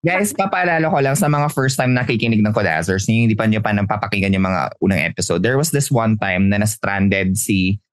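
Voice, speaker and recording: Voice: mid-range voice, a little fast, no echo. Podcast co-host recapping a story, dry sound. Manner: talks straight to listeners, recaps stories, laughs loudly. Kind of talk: casual chat.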